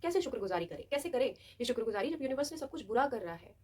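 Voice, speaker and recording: A woman's voice: on the high side, very animated, very fast, a little mellow, husky. A young adult woman hosting a self-help video, talking casually and expressively and acting out little scenes as she explains. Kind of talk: casual motivational talk to camera.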